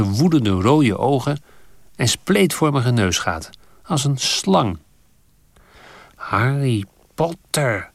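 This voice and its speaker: A man reading a story aloud with dramatic, expressive narration. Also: medium pitch, creaky, dry recording. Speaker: reader.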